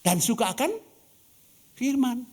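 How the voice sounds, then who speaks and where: A man's voice: very high voice, unhurried, darkish tone. A man from Ambon, Indonesia preaching a sermon as pastor, asking the congregation questions and acting out quoted dialogue. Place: church.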